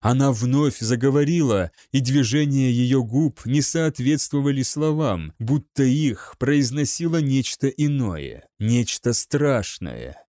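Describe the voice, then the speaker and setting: A man's voice: medium pitch, animated, slow pace, hardly any pauses, dark tone, dry recording, studio quality. A man reading an audiobook with dramatic, scripted narration. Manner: dramatic storytelling.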